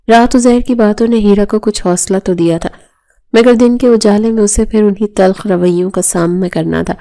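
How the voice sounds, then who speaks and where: A woman narrating a romance novel aloud in a steady, even reading. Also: mid-range voice, vocal fry.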